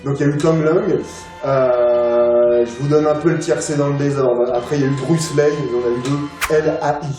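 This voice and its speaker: A man's voice: mid-range voice, steady tone, moderate pace. A man speaking as an interview guest in a casual chat, rambling with many filler sounds and restarts. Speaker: interview guest, film collector. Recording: roomy, distant mic, music behind.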